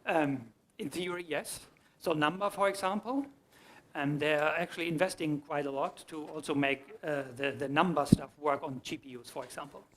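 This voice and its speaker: A man's voice: on the high side, moderate pace, fairly bright tone. A man giving a conference talk, explaining his answers to audience questions and often restarting his sentences. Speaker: conference speaker. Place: conference hall.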